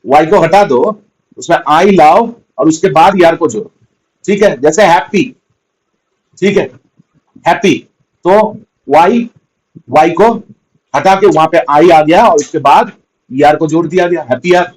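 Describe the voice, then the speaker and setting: Male tutor, fairly high-pitched, steady classroom explaining, checks understanding often. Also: unhurried, pauses often, low-quality recording. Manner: patient, repetitive, spells out words letter by letter. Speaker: teacher. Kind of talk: grammar lesson.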